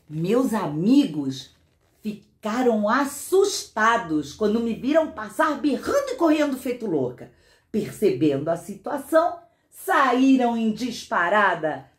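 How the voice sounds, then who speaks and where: Brief: woman storyteller for children, slow and unhurried, lively sing-song delivery, roomy echo. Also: a little high. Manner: expressive, sing-song, with dramatic pauses.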